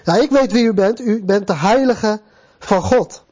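A man voicing an unclean spirit that shouts accusations from a possessed man, on a dull lo-fi recording. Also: high-pitched, measured pace, no room sound. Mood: hostile.

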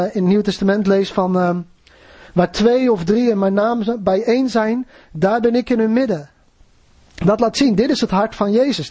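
Earnest preacher man with a husky, high voice. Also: darkish tone, no room sound. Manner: earnest, conversational, asks the listeners questions. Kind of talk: sermon.

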